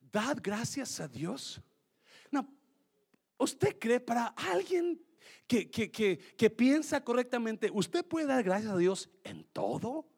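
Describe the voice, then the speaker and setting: Gravelly, high-voiced preaching pastor, a man. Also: a little mellow. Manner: switches between Spanish and English mid-sermon. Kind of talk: sermon.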